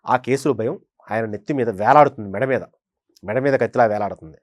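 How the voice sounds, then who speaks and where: A senior journalist and political analyst delivers conversational political commentary in a medium-pitched, fairly quick voice. He emphatically repeats phrases for stress, and the recording is dry.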